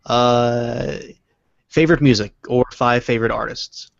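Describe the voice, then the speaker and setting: A man co-hosting a casual livestream, reading out crude questions with dry, teasing remarks. His voice is gravelly with vocal fry, and the audio sounds dry, close and dull. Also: mid-range voice, fairly even intonation, measured pace, no room sound. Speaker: co-host asking questions.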